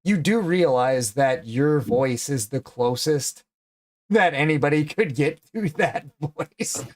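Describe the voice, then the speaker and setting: A man's voice: a little high, lively intonation, slow, darkish tone. A man hosting a livestream, chatting casually and teasing his guest bluntly with lots of swearing. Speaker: livestream host. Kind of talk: casual stream chat.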